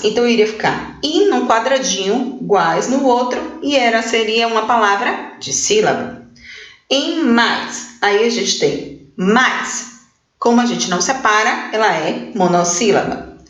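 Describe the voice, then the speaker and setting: A woman's voice: a little high, fairly bright tone. Patient teacher woman in an echoey room. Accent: Brazilian Portuguese. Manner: slow, syllable-by-syllable spelling out of words; checks in with pupils with "ok?" and "certo?". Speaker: primary school teacher. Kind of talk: recorded remote lesson, correcting exercises.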